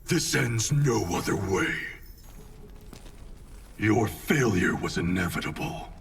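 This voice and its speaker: A proud game ninja grandmaster with a very low voice. He speaks slowly in terse, haughty defiance. The voice sits a little off the mic, with music behind it. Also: animated, recorded from a distance. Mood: cold, defiant. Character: proud, stern male ninja clan grandmaster. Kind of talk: dramatic video game acting.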